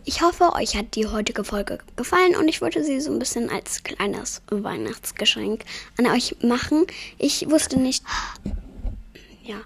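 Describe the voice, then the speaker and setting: A woman narrating a storybook in a soft, often half-whispered delivery, as host of her own story podcast. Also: on the high side, lively intonation, unhurried, vocal fry, breathy edge.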